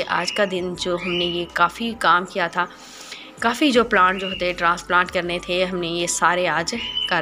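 A woman narrating a voice-over for her garden makeover video, explaining each step calmly with small hesitant pauses. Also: mid-range voice. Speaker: gardening channel host.

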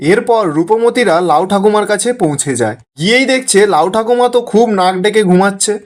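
High-voiced man, brisk serial recap narration. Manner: brisk storytelling, linking lines with "then he says".

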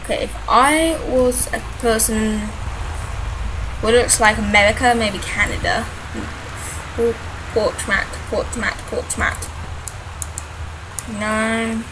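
A woman giving casual game commentary in a quiet but clear voice over laptop noise. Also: a little high, steady tone, slow, pauses often. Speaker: gaming video host. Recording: noisy laptop hum in background.

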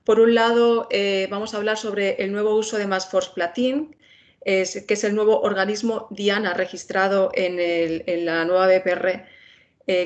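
In a muffled recording, a medium-pitched woman with a Spain Spanish accent opens an online webinar. She moderates in a friendly way and fills her speech with plenty of filler sounds.

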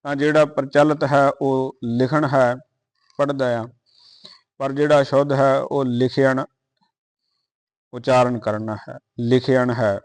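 A man reciting verses in a slow, measured chanting cadence, pausing to add quieter notes on how the words are pronounced. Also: mid-range voice, steady tone, dry recording. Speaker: scripture reciter.

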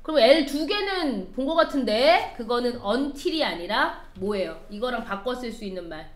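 A woman's voice: fairly high pitch, lively intonation, moderate pace. A woman teaching an English lesson, explaining line by line and quizzing her students as she goes. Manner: explains step by step, quizzes the class. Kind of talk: classroom lecture.

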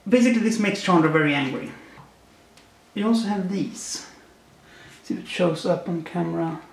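A man's voice: sits high, normal speed, vocal fry. A man hosting a casual unboxing video, making wry puns about each card, with his voice echoing around a bare, unfurnished apartment room. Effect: echoey sound from a bare, unfurnished room. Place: new apartment, not yet furnished, indoors. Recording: echoey bare room, faint noise.

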